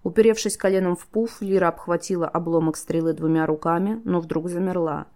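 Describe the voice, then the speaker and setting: A woman narrates an audiobook in a steady storytelling manner. Her voice is low with a gravelly fry, and she reads the characters' lines herself. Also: fairly quick. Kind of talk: scripted narration.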